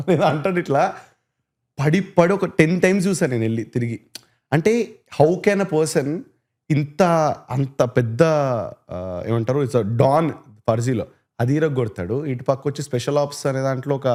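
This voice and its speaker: A man's voice: a little high, darkish tone. A man hosting a casual podcast chat, listening with frequent hums of agreement and recounting scenes he liked. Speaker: podcast host.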